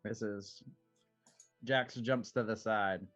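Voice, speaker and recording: Guy playing a tabletop rpg, lowish voice, halting casual narration, kinda muffled mic. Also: steady tone, a bit bright. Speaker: tabletop role-playing player. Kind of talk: improvised tabletop game narration. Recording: dull lo-fi mic, music behind.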